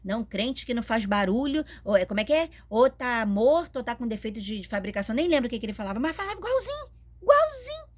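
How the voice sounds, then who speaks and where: A woman's voice: fairly high pitch, fast talker, few pauses. Emphatic Brazilian woman preacher. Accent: Brazilian Portuguese. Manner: emphatic, repetitive exhortation. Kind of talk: sermon-style teaching video.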